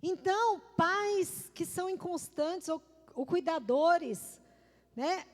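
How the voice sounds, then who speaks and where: High-voiced woman pastor, echoing church. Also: lively intonation, slow. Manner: emphatic, repeats key words, calls on the congregation. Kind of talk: sermon. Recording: long reverb of a church hall.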